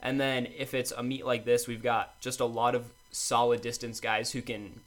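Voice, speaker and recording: Young man, co-host, mid-pitch, brisk upbeat results read. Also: flat delivery. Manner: brisk list-reading, upbeat. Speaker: co-host of a college sports podcast. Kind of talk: casual chat, reading results.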